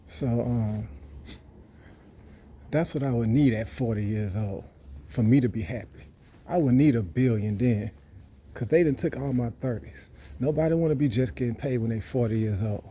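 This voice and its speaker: Thirty-something guy, rambling and bragging, real dark mellow voice. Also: medium pitch, moderate pace, slight background noise. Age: 30s. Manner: rambling, boastful, repeats himself. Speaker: vlogger. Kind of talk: casual monologue.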